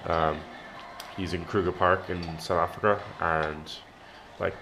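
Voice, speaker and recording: A man in his twenties chatting casually to the camera at home, sounding tired and low-key, rambling with pauses. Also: steady tone, creaky, background noise. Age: 20s. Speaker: daily vlogger. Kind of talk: casual vlog chat to camera. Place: home kitchen-living room, indoors. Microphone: camera at arm's length.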